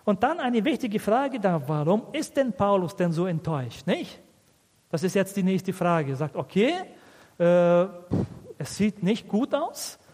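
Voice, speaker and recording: A man's voice: high-pitched, sing-song, a little slow, darkish tone. A man preaching a sermon, asking rhetorical questions and checking in with his listeners. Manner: asks rhetorical questions, often with a tag "nicht?". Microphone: fixed microphone he has to aim at. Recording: reverberant hall.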